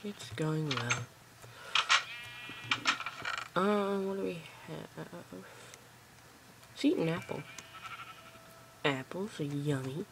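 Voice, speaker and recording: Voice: medium pitch, lively intonation, slow pace, pauses often, very noisy. A gameplay host chatting casually to viewers while playing, recorded on a phone aimed at a screen at home. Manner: chatty, rambling, talks to viewers. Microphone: phone camera pointed at a screen.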